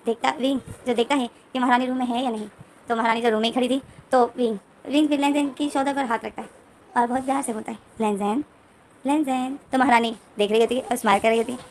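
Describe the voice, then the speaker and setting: A woman's voice: a little high, a little hiss or hum, low-quality recording. A woman casually retelling a romance story scene by scene, with loose, repetitive phrasing and frequent restarts.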